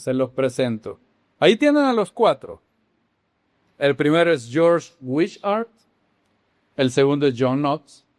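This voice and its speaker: Guy preaching, really animated, bounces between loud and hushed, asks the crowd questions, dry close mic. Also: on the high side, no room sound. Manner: animated, with sudden swings between loud exclamations and hushed dramatic lines. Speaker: Bible teacher. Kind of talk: sermon-style teaching.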